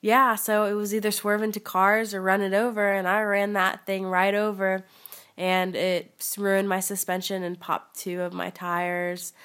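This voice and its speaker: Young woman guest on a podcast, rambly and jokey, mid pitched voice. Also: level tone, a little slow, fairly bright tone, clean tone. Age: young adult. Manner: rambling storyteller, wry and joking. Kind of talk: casual chat.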